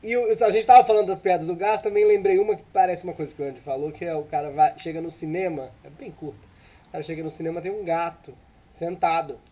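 A man's voice: a little high, fairly even intonation, fast talker, warm tone. A man from Belo Horizonte with a Brazilian accent, chatting casually and telling short jokes. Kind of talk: casual comedic chat and joke telling.

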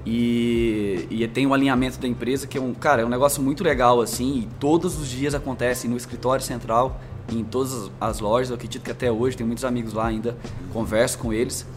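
A man's voice: medium pitch, steady tone, a little fast, soft background music. A man from Minas Gerais, raised in interior São Paulo, with a caipira R in his accent, talking as a marketing executive guest in long, flowing anecdotes. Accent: interior São Paulo, rolled caipira R. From Brazil, Minas Gerais, raised in interior São Paulo. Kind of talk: conversational storytelling.

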